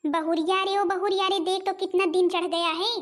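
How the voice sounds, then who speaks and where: A woman voicing a nagging, dramatic older mother-in-law who scolds loudly in a homemade cartoon. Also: very high voice, fairly even intonation, moderate pace, heavy background noise, voice pushed up. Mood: scolding.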